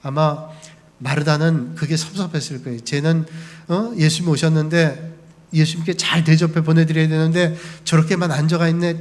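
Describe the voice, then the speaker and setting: A man preaching as a pastor, telling the story and briefly acting out the people in it. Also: sits high. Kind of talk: sermon. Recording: long hall reverb.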